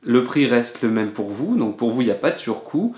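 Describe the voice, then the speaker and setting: A man's voice: medium pitch, very animated, a little fast, a little mellow. A man teaching French in a casual video lesson, explaining patiently with frequent hesitations. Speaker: French teacher, channel host. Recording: roomy echo.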